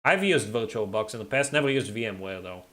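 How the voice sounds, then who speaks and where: A man with a fairly low voice talks at normal speed in a casual game livestream. Reading and answering chat while he plays, he stays relaxed, and he makes his R sounds in the throat.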